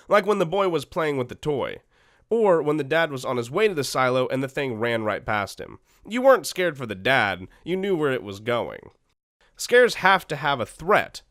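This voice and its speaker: Animated young man analyzing a film. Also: mid-range voice, no room sound, clean studio sound. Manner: animated, conversational, repeats words when explaining. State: tired from overwork. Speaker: movie analysis YouTuber. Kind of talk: casual film analysis commentary.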